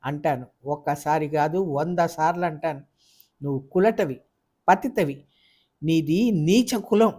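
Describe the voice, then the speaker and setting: A storyteller voicing an angry young husband who hurls harsh insults in a Telugu audio novel. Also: male voice, on the high side, measured pace, husky. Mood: raging. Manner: harsh, shouting, contemptuous. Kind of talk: audiobook character voice.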